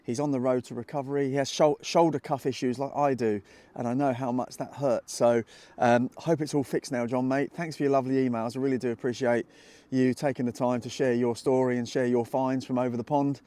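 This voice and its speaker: The speaker has a warm, medium-pitched voice, fairly even in intonation, moving along fairly quickly with few pauses. He is a British metal detecting vlogger in his fifties, chatting in an understated, casual way to viewers outdoors in an open grassy field.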